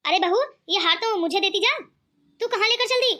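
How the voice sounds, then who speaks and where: Woman doing a scheming mother-in-law in a cartoon, taunts a lot, super high and bright. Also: normal speed. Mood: scolding. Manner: scolding, taunting. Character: scheming greedy middle-aged mother-in-law.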